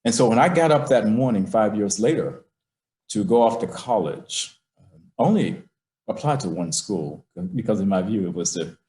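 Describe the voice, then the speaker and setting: A middle-aged man with a fairly low voice tells a family memory at a slow, emphatic pace, acting out the lines of the people in it. He speaks from his office, and the sound carries a noticeable room echo. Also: animated, dark tone. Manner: slow, emphatic storyteller who acts out his father's words. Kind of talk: personal storytelling.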